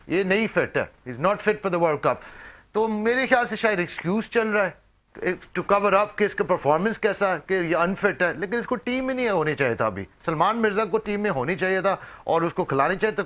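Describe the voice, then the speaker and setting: A former cricketer turned commentator, this man talks through the game on a panel in a slightly high voice. He drops English phrases into his speech and restarts and repeats himself as he goes. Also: fairly bright tone. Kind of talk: casual analytical panel talk.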